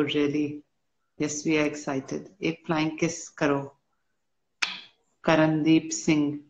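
A woman hosting a casual live stream, reading fan comments aloud and answering slowly while a little unwell. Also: sits low. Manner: slow, relaxed, answers comments one by one. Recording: dull lo-fi stream audio.

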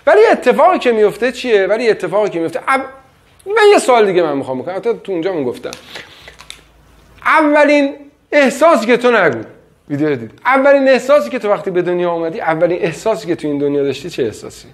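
Male lecturer, higher voice, lively pitch, keeps quizzing the class. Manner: quizzes students with frequent questions. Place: classroom with students.

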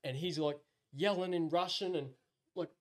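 A man's voice: a little high, fairly even intonation, moderate pace. A man with an Australian accent telling an anecdote casually as a podcast guest, in a laid-back larrikin way with rural slang and frequent chuckles.

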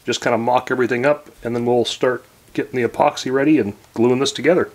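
A man in his forties hosting a casual workshop tutorial, talking in a relaxed, rambling way with many fillers and restarts, recorded in a home workshop on a camera a few feet away. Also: mid-range voice, fast, heavy background noise. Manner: relaxed and rambling, lots of fillers and self-corrections. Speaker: woodworking channel host.

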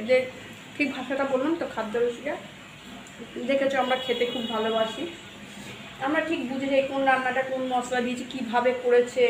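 A middle-aged woman with a sore throat, chatting softly to viewers in her home kitchen. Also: sits high, slight background noise. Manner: chatty, talks straight to viewers. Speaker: home vlogger. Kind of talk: casual home vlog chat. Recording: echoey home room.

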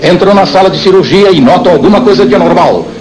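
An actor playing the dramatic, declamatory narrator of an old radio adventure serial. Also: male voice, high voice, expressive, quick pace, a little mellow. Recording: roomy, very noisy old radio recording.

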